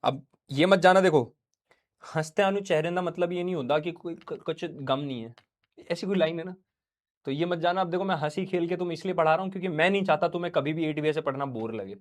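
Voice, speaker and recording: A young man with a slightly high voice teaches a science class online at a brisk pace. Though he's feeling unwell, he stays playful and jokey, acting out little scenes for his students.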